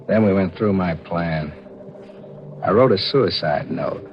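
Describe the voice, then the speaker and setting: In a 1940s radio thriller, a male actor with a low voice plays a scheming, nervous forger and killer who recounts his crime. He speaks at a measured pace in a confessional, clipped hardboiled style with a matter-of-fact mood. The vintage radio recording sounds muffled, with music behind and slight background noise.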